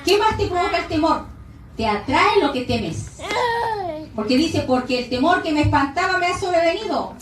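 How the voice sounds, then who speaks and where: A woman's voice: extremely high pitch, animated, normal speed, a crowd in the background. A woman pastor preaching a sermon, emphatic and asking the congregation direct questions. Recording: echoey room from a distance.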